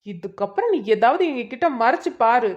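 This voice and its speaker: A teasing cartoon buddy. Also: female voice, on the high side, very animated, moderate pace. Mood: bantering. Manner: mock threats, bantering. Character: teasing male friend, rough and joking. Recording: dull lo-fi recording.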